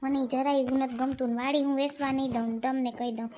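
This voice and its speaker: A woman's voice: sits high, flat delivery, fast talker, warm tone, slight background noise, close to an everyday voice. A woman with a Kathiawadi Gujarati accent playing a quarrelsome older village mother in a family comedy skit, scolding and complaining and repeating herself.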